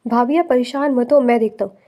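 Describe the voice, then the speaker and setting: A woman's voice: a little high, close to an everyday voice. A woman reading the lines of a stern, commanding older man in an audiobook novel, barking orders at his brother. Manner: commanding, shouts when angry.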